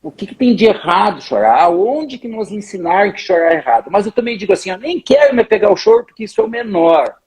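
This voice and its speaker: A man's voice: high-pitched, sing-song, quick pace, few pauses, a little mellow, slightly rough. A man, explaining in an emphatic, storytelling way and often turning to his conversation partner. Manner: emphatic, tells stories, often addresses the other speaker by name. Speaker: interviewee speaking on emotions.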